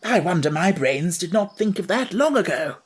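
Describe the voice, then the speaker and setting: A woman's voice: on the low side, sing-song, moderate pace, breathy edge, voice pushed up. A woman voicing a proud, good-natured male scarecrow in a storybook reading.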